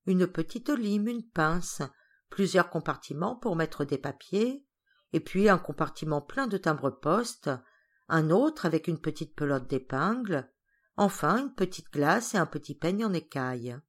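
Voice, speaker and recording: A woman narrating a classic children's novel as an audiobook reader, calm and even. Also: on the low side, measured pace.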